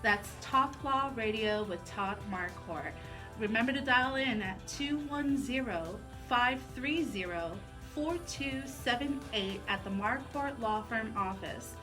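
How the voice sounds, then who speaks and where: A woman co-hosting a talk radio show presents in a promotional announcing style, her voice a little high and slow. The recording is low quality, with a music bed underneath.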